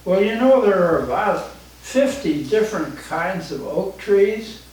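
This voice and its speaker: Very old man, slow and halting, echoey. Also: high voice, expressive, a little mellow. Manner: very old man's halting, rambling speech; jocular, chuckles often. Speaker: elderly guest, retired forester. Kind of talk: casual chat with children. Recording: very echoey room, distant mic, faint noise.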